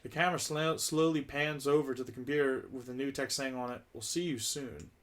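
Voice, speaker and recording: A man reads a script aloud in a casual, joking read-through. His voice sits at an ordinary middle pitch, and he often stumbles and restarts his lines. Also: steady tone, fast, fairly bright tone. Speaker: script reader.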